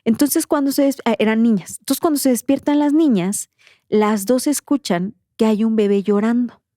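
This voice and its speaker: Una presentadora de podcast con acento mexicano que narra de forma coloquial y expresiva, con voz de timbre apagado y cálido. La grabación es seca, de micrófono de estudio. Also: female voice, on the high side, normal speed, no room sound, studio quality. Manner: slangy, animated retelling. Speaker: podcast host. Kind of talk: casual storytelling.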